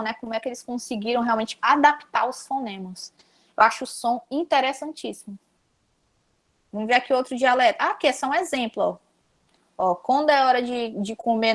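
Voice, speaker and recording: A young woman from Ceará with a Cearense Brazilian accent gives a casual online lesson on a video call. Her voice sits a little high, and she talks to her students in a lively, chatty way, calling them "galera". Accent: Cearense Brazilian Portuguese. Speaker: teacher.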